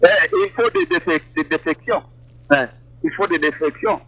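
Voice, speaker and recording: A man's voice: moderate pace, no room sound, low-quality recording. A man from eastern Congo giving an interview, speaking emphatically and repeating words as he argues. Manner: emphatic, repeats words, animated pitch jumps. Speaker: interview guest. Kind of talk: political interview, casual.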